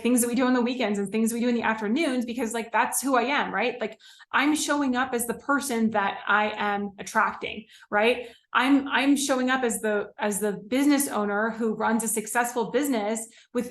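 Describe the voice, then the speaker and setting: This is a young woman, a business coach, talking casually on a live stream. Her voice sits fairly high, and she fills her points with "like", "okay?" and "right?". The sound is roomy, with a clear echo around her. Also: a bit bright. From California. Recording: echoey room.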